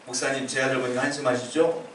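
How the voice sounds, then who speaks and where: A man's voice: medium pitch, flat delivery, fast talker, a bit bright, slight background noise, voice pushed down, natural voice. A man quoting an earnest, pleading deaconess. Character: devoted middle-aged deaconess pleading for her son. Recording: echoey church hall from far off.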